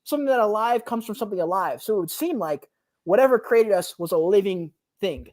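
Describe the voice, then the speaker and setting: A young man, a podcast guest, telling a personal story in casual chat, animated and slangy, acting out what people said. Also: high-pitched, fairly quick. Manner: animated, slangy, says "bro" often, acts out quotes.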